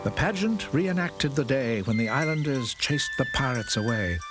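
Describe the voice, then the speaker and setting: A man narrating a children's cartoon in gentle, sing-song rhymes. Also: mid-range voice, lively intonation, moderate pace, loud music behind the voice. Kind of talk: rhyming storybook narration.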